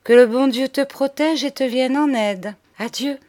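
Lady doing a soft kind blind girl, patient, gently advising. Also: sits high, measured pace, pitched above the performer's own voice. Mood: gentle.

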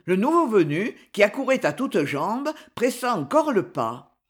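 Husky breathy storyteller reading a kids' classic, very expressive, voice going up and down. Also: medium pitch, a little slow. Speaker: narrator. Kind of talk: audiobook reading of a children's story.

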